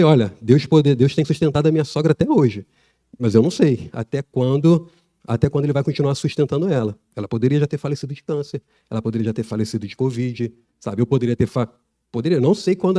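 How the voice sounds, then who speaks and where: A middle-aged man, preaching a sermon in a church in a relaxed, conversational way, with laughs and asides. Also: mid-range voice.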